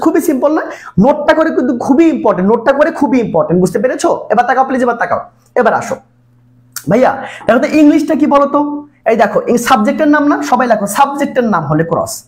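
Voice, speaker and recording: A man teaching a live online exam-prep English class, coaxing students with constant repeated questions. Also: extremely high pitch. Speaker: English tutor.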